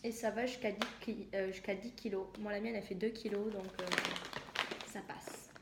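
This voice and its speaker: A woman's voice: medium pitch, flat delivery, quick pace, vocal fry. A young woman from southwest France chatting casually in a haul video, hesitant and full of fillers. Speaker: vlogger. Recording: echoey room with noise.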